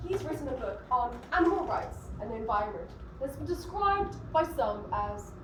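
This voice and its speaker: An earnest talk show host, played by a woman introducing her guest. Her voice is high and lively. It sounds distant in an echoey room with background noise. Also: moderate pace.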